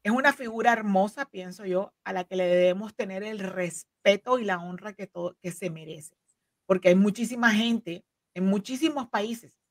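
An immigration legal counsel in her forties, whose first language is Spanish, joins an interview as a guest by video call from her home office, speaking into a desk microphone. Her mid-range voice keeps a moderate pace with no echo, and she explains earnestly, peppering her talk with fillers and restarts.

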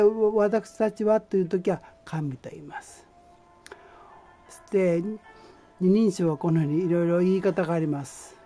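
Man, amateur teacher, mellow tone, halting and patient, faint music behind. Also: high-pitched. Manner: patient, halting explanation with many fillers. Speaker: language teacher. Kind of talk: amateur language lesson.

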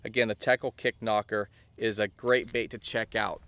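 A man in his thirties giving a relaxed, chatty fishing gear review to camera outdoors by a lake, with a lot of fillers. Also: lowish voice, normal speed, dry recording. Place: outdoors on a bass boat by a lake.

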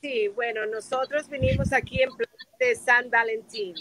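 Fields: Sex: woman. Role: interview guest. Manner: unhurried, chatty. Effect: heard over a noisy phone connection with interference. Pitch: high. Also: fairly even intonation. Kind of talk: casual interview answers. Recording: noisy, crackly phone call.

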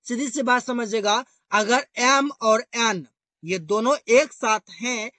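Bright, high-voiced man teaching. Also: slow, no room sound. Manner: repetitive, addresses viewers as guys. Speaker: English teacher. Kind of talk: explanatory grammar lesson.

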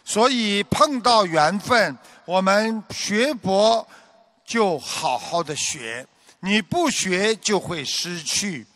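A man giving a Buddhist dharma talk as a teacher, with a measured preaching delivery that turns animated while he tells a joke. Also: high-pitched, dry recording.

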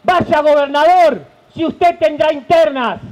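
Speaking at a measured pace in an extremely high pitch, a union leader in his forties addresses a rally from an outdoor stage under a tent. His Argentine Spanish accent carries through lo-fi sound as he shouts at times, gestures, and gives an impassioned protest speech into a handheld mic.

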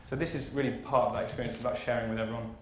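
The keynote speaker is a thirty-year-old fashion marketing executive addressing a large conference auditorium in an informal, enthusiastic, conversational style. His voice is mid-range and steady, and he talks very fast. Roomy hall echo and faint background noise fill the recording.

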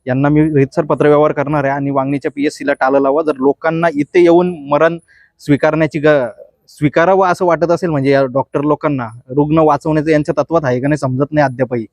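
A man gives an impassioned statement to the press at a mid pitch. He sounds indignant and keeps asking rhetorical questions. The sound is dry and close. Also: darkish tone, no room sound. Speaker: local party activist.

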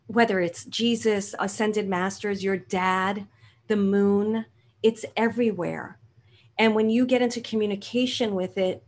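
A middle-aged woman with a Brooklyn accent, speaking candidly and informally as a guest on an online panel. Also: mid-range voice. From Brooklyn, New York. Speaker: guest author and spiritual coach. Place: home room with bookshelves, indoors. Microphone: video call, computer or webcam mic. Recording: noisy video call audio.

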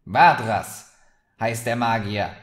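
A man voicing a grumpy, sharp-tongued female tavern maid who snaps and scoffs. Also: medium pitch, takes it slowly, lightly acted. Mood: scornful. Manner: snapping, scornful. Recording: roomy echoey recording.

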